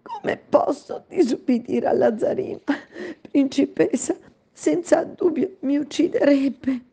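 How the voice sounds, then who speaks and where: A frightened young maid from a storybook, put on by a woman reading aloud. She sobs and pleads in a high, strained voice that sits far above a normal speaking pitch. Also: animated, measured pace, warm tone. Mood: pleading. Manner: sobbing, pleading.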